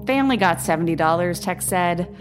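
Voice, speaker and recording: A woman narrating a true-crime story in a measured, grave, scripted way. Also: fairly low pitch, animated, music in the background. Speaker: podcast narrator.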